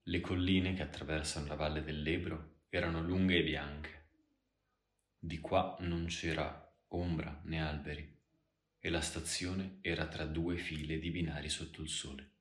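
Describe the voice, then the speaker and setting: A man reading a literary story aloud in a slow, measured way as an audiobook narrator. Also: a bass voice, flat delivery, echoey room.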